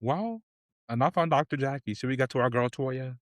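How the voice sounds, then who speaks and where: A man's voice: medium pitch, a little fast, no echo. A man co-hosting a podcast in casual chat, recapping with frequent laughter. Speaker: podcast co-host.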